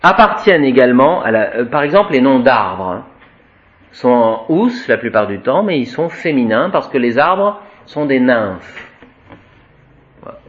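Man slowly reciting Latin declensions. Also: medium pitch, muffled recording. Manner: slow, lively, drawn-out recitation of word forms. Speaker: Latin teacher. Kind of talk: classroom lesson.

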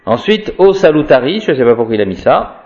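A man's voice: medium pitch, very animated, fast talker, vocal fry, a little mellow, dull audio. A man giving an informal Latin grammar lesson. He talks in a chatty, wry way and drills declensions aloud. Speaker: Latin teacher.

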